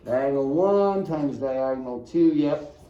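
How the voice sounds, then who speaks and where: A man's voice: medium pitch, measured pace, mellow, highs cut off. A male math teacher giving a casual classroom lecture and checking in with the class often. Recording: echoey room, mic far off.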